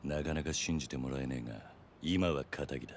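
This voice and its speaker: A man's voice: extremely low pitch, brisk, a little hiss or hum. A man playing a stoic, terse ex-yakuza in a video game drama, with blunt yakuza-style speech. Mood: terse, firm. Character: stoic, terse male ex-yakuza tough guy.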